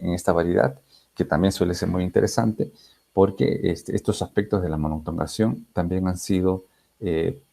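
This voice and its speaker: A man's voice: low-pitched, gravelly, dark tone. A male researcher giving an academic conference talk, hesitant, with many fillers and restarts. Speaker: linguistics researcher presenting a conference paper.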